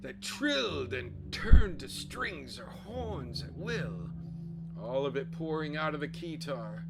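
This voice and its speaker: A man giving an overly dramatic scripted reading in the manner of a hammy stage actor. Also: fairly high pitch. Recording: music playing behind the voice. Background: loud music.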